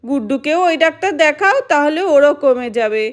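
A woman's voice: high-pitched, lively intonation, moderate pace. A woman voicing a worried village mother who complains and gossips about the neighbours. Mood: fretful. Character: fretful village mother of a sick girl.

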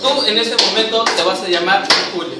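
A man's voice: high voice, brisk. A man directing an improvised comedy sketch, rambling with many fillers and bossing the actors around playfully. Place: church hall. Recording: echoey hall, far from the mic, noisy.

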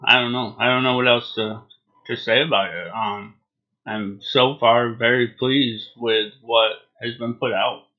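A man in his forties talks casually through a review at an unhurried, slow pace. He is laid-back and hesitant, letting phrases trail off. The sound is dull and lo-fi, captured on a basic mic in a small home room. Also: mid-range voice, fairly even intonation. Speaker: product reviewer. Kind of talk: casual unscripted video review.

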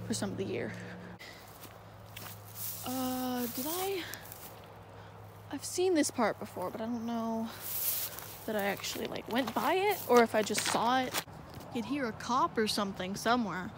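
Speaking at a normal speed with long pauses, this young woman's slightly high voice is very animated. She's vlogging into a handheld phone during a night walk in a dark wooded marsh, hesitant and rambling with plenty of fillers. The recording picks up a lot of outdoor noise.

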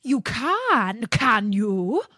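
A hungry wolf snarls his lines in a loud, drawn-out voice, as a woman storyteller puts him on. He sounds menacing in a storybook way, with a dry, close sound. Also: a little high, big pitch swings, no room sound, voice pushed up, full character voice. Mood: snarling.

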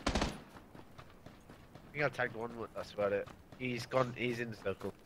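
A man playing a shooter game with his squad, giving quick callouts on a headset. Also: medium pitch, steady tone, background noise. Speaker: gamer. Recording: music behind. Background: music.

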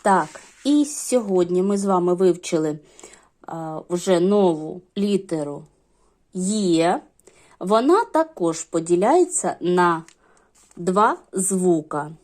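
Middle-aged lady teacher talking slow to little kids, low mellow voice, patient. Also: lively intonation. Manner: slow, patient, explaining step by step. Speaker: primary school teacher. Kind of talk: classroom lesson for young children.

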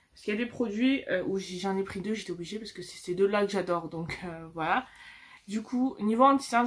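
Chatty young French woman reviewing makeup. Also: medium pitch. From France. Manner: chatty, many fillers and restarts. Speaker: beauty vlogger. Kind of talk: casual product review. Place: indoors at home with a lamp behind her. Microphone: phone camera.

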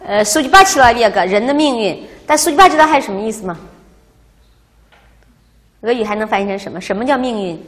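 Lively woman teacher in a reverberant classroom. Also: on the high side, a little fast, long pauses. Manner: lively, explanatory, quizzes students. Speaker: Russian language teacher. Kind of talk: classroom lecture.

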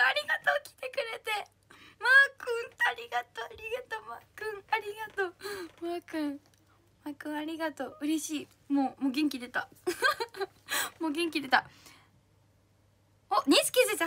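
A young woman with a slightly husky, strained throat, hosting a livestream in a bubbly, cutesy way, reading out and thanking commenters. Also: very high voice, pushed and bright. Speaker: idol livestream host.

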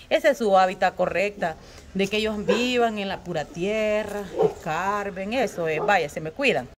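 A woman talking casually to her viewers while tending her animals outdoors, chatty and quick to scold her dogs. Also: mid-range voice, slight background noise. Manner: chatty, calls viewers "mamita", shouts and scolds pets. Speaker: vlogger. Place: outdoor yard with chickens, dogs and a cat.

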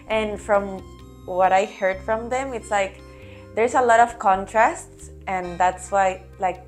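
A woman's voice: mid-range voice, slow, soft background music. Young woman from argentina, chatty, lots of fillers, office, lapel mic. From Argentina and Costa Rica. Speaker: interviewee. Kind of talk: casual opinion sharing. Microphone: clip-on lapel mic.

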